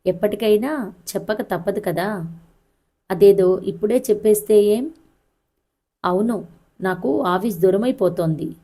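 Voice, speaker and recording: A woman voicing a worried young mother who answers in a soft, hesitant way. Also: medium pitch, a little slow, pauses often. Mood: resigned.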